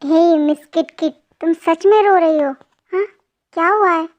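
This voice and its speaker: A young narrator voicing a stubborn, teasing young husband who argues and then softens, as in a spoken fan storybook. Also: male voice, very high-pitched, measured pace, lo-fi sound. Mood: concerned. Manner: teasing, argumentative.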